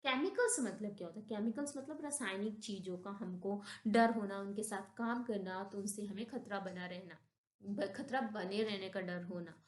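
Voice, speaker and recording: A woman's voice: mid-range voice, moderate pace, reverberant. A woman teacher with an Indian accent explains English word pronunciations, thinking aloud, correcting herself and asking rhetorical questions. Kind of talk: slow classroom-style explanation mixing Hindi and English.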